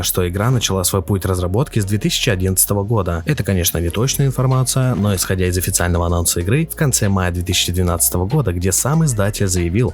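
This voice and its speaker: A man narrating a scripted, opinionated video essay as a game reviewer. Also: low-pitched. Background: faint music.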